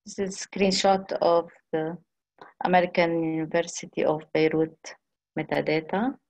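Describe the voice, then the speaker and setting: A woman giving a conference presentation on a video call, speaking haltingly with frequent restarts and pauses. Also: on the low side, little pitch movement, darkish tone, rough recording.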